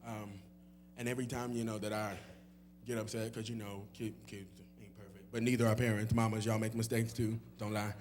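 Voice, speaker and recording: A man's voice: fairly low pitch, flat delivery, brisk, a little mellow, a little hiss or hum. A young man, a guest singer, answering audience questions in a loose, rambling way with many fillers and laughs, in a church hall. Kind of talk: casual Q&A chat.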